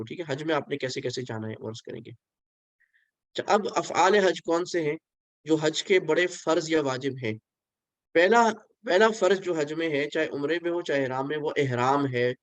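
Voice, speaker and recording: Man, religious instructor, slightly high voice, dry close sound, patient explaining. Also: dry recording. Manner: explains patiently, asks listeners to repeat, mixes in English phrases. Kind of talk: online pilgrimage training lecture. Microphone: video call.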